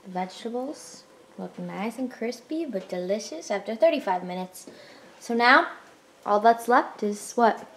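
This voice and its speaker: Recorded with a roomy kitchen echo and faint background noise, this cooking channel host is a cheerful young adult woman. Her voice sits a little high, with lively intonation and a measured pace, as she plainly walks through each step of a casual demonstration in her home kitchen.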